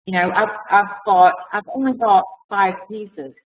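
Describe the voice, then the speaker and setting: In a mid-range, unhurried voice, a woman art collector talks loosely in a webinar, full of fillers and restarts, her voice fading as she goes. The recording is a tinny video call from an echoey space.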